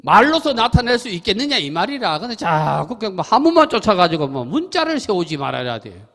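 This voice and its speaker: A middle-aged Buddhist monk with a Gyeongsang accent gives a chatty dharma talk. His voice sits high for a man and swings widely up and down. The talk echoes with a long reverb through a temple hall. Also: fairly quick. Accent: Gyeongsang Korean. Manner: lively, chatty, laughs often, asks listeners questions. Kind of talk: sermon with storytelling.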